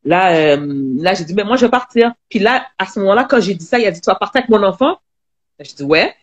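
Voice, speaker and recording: A woman with a Quebec French accent, a guest telling her own story in an online live interview, halting with many restarts. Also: mid-range voice, animated, muffled recording.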